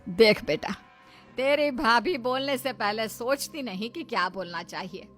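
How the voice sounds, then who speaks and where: A woman voicing a firm, motherly older mother-in-law who scolds gently. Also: on the high side, measured pace, faint music behind. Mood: stern. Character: stern but fond older mother-in-law.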